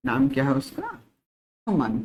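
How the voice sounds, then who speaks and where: A male teacher from India leads a spoken-English class. He drills each word slowly and repeats it, poses questions and answers them himself, and adds short check-ins throughout to keep students with him. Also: high voice, expressive, a little hiss or hum. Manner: repeats words slowly, asks and answers his own questions; frequent checking-in tag phrases.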